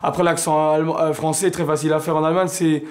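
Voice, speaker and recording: A man's voice: a little high, little pitch movement, fast, darkish tone. A young man from Alsace, a singer answering interview questions hesitantly, with many fillers and restarts. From Alsace, France.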